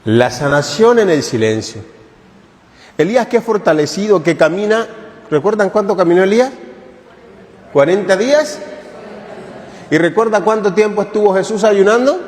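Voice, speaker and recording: A man's voice: high-pitched, lively intonation, moderate pace, long pauses, darkish tone, big-room sound. A man who is a priest, giving a catechesis sermon at a retreat in a conversational, joking way and putting questions to the congregation. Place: parish church.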